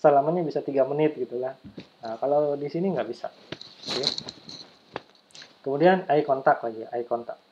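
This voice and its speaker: A man's voice: medium pitch, moderate pace, pauses often, muffled recording, slight background noise. A man lecturing students in a casual, chatty way, full of fillers and small demonstrations.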